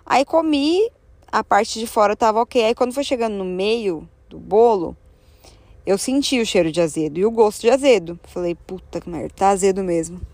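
A woman's voice: moderate pace, dry recording. Brazilian woman telling a story in a dry, close sound. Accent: Brazilian Portuguese. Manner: animated, acts out her own thoughts in a higher voice. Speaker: travel vlogger. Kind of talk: casual storytelling.

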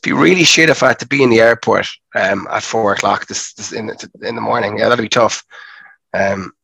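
A man chatting casually on a podcast, his voice gravelly from a sore throat and cough. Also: lowish voice, a little fast, bright, forceful tone, no echo. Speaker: podcast co-host. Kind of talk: casual chat.

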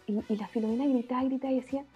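A Chilean mother with a fairly high but mellow voice speaks frankly and with emphasis, full of local slang. Her tone is warm and relaxed rather than sharp. The sound is lo-fi and dull, with faint music in the background. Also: very fast, husky. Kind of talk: casual chat.

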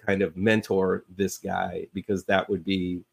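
Podcast guy with a lowish voice, rambly and casual, lots of ums and restarts. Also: flat delivery, unhurried, creaky, breathy edge. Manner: rambling, many fillers and restarts. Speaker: podcast co-host. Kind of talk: casual chat about comic book movies.

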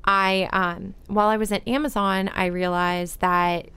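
A woman's voice: medium pitch, fairly even intonation, unhurried, a bit bright, clean tone. A woman, a podcast guest, chatting casually and telling her career story with many ums. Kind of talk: casual chat.

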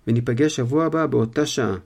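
A calm, kind male teacher speaks gently, as read by a man. His voice is low, gravelly and mellow. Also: lightly acted. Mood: gentle.

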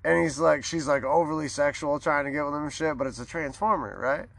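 A man's voice: fairly high pitch, fairly even intonation, brisk, creaky, a bit bright. A man co-hosting a casual podcast, rambling through stories and laughing often. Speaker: podcast co-host.

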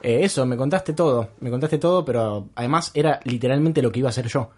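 A young man with a Rioplatense Argentine accent in casual chat, quickly chiming in to back up the story. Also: medium pitch, a little mellow. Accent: Rioplatense Argentine Spanish. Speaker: podcast guest.

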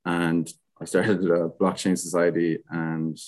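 Low, even-voiced young west of Ireland man. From Galway, west of Ireland. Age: young adult. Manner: hesitant, halting, frequent "like". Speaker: podcast guest, student society president. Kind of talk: casual interview.

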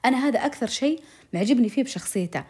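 A woman's voice: a little high, expressive, very fast, darkish tone, slightly rough. A young woman tells a dramatic personal story to her viewers, emotional and full of oaths and direct appeals.

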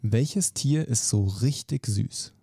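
Gravelly-voiced male podcast host. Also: mid-range voice, dry recording, studio quality. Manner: brisk, lively questioning. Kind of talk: quick-fire question interview.

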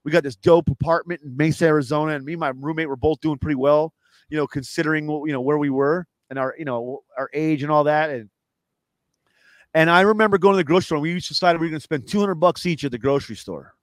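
A man with a slightly raised voice talks very quickly as a guest in a casual interview. He rambles, circling back and restarting his thoughts. The sound is dry and close, with no room echo. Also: on the high side. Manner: rambling, fast, lots of fillers and restarts. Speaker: guest, comedian and cook.

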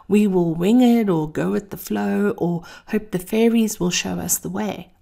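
A woman hosting a scripted motivational monologue in a theatrical, deliberate manner, addressing listeners as darlings. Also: mid-range voice, vocal fry, dark tone. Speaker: host of a daily encouragement series.

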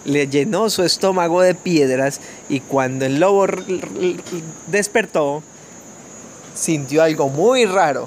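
A man from Colombia tells a children's fairy tale in a gentle, unhurried way, and his voice sits a little higher than usual for a man. Faint crickets and insects chirp behind him, and there is a light hiss of noise. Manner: gentle, measured storytelling with small restarts. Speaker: family storyteller.

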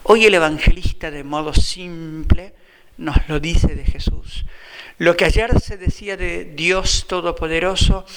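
A man's voice: a little high, fairly even intonation, unhurried, a bit bright, in a large hall. A man with an Argentine accent, a Franciscan friar preaching a sermon in a reflective way, often repeating phrases for emphasis. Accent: Argentine Spanish.

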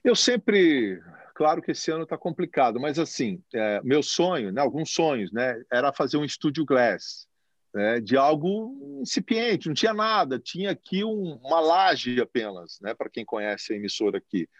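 A man who manages a TV station, answering interview questions in a reflective, expressive way and gesturing as he talks, recorded in a TV recording studio. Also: fairly high pitch, moderate pace, dry recording, highs cut off. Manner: expressive, speaks with his hands.

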